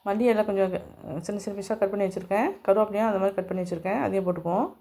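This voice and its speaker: Speaking very fast in a steady, mellow, medium-pitched voice, a woman hosts a cooking channel's home demonstration. She guides viewers through each step directly, keeping the instructions homely.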